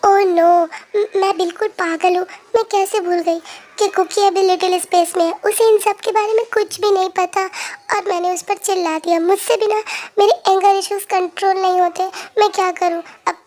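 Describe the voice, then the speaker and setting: A woman's voice: very high-pitched, fairly even intonation, darkish tone. A young woman voicing a hot-tempered but tender young woman mafia boss who dotes on her partner. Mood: apologetic. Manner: doting, quick to scold then apologize. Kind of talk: fan-fiction story voice acting.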